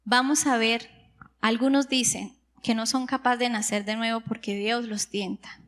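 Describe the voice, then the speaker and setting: High-voiced woman preaching in a hall. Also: fairly even intonation, normal speed, a bit bright. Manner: teaching, explains words step by step with rhetorical questions. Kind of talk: sermon. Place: church hall. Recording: long hall reverb.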